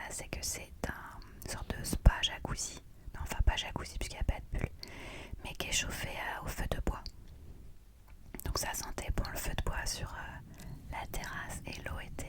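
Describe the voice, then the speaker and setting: This vlogger tells the story of her travels entirely in a whisper, speaking quietly and close to the microphone like ASMR. The hushed, nighttime feel stays constant as she recounts what happened.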